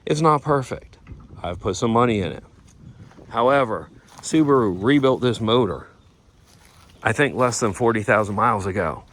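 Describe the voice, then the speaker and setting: A man giving a casual walkaround of a vehicle he is giving away. He rambles, loses his train of thought and slips into a playful infomercial-style sales pitch. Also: expressive, normal speed, long pauses, a bit bright. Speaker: vlogger showing a vehicle giveaway.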